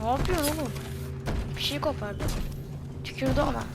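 A woman streaming a game with excitable, chatty commentary and shouted reactions. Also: high voice, fairly quick. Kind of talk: let's-play commentary. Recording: voice over loud game music.

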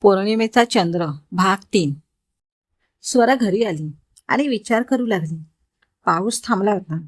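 A woman narrating an emotional story in a calm, even reading voice as host of her channel. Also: medium pitch, measured pace.

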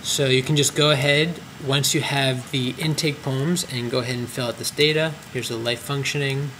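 Speaking at a moderate pace in a steady, mid-range voice, a man explains clinic tracking forms on screen one step at a time, with plenty of ums and uhs. It's a screen-recorded software tutorial by a clinic trainer, with background noise present.

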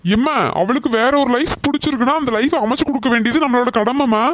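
A woman doing a gentle, patient cartoon son. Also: sits high, fast, dull audio, pitched below the performer's own voice, lightly acted. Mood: gentle reasoning. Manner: soothing, patient, persuasive. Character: calm young man, gentle reasoning son. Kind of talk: cartoon voice acting.

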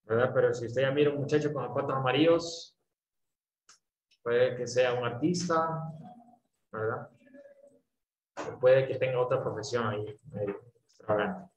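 A man's voice: medium pitch, moderate pace, pauses often, muffled recording. Patient male teacher on a roomy call. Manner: patient, explanatory, often adds "¿verdad?" checks. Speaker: English teacher. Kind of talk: online English class explained in Spanish. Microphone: video call. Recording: roomy echo, faint background noise.

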